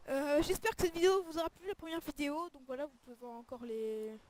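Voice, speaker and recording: Hesitant young-sounding woman, slightly high. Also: animated, quick pace, darkish tone. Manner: hesitant, often searching for words. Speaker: video creator presenting a game texture pack. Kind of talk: casual screen-recorded commentary.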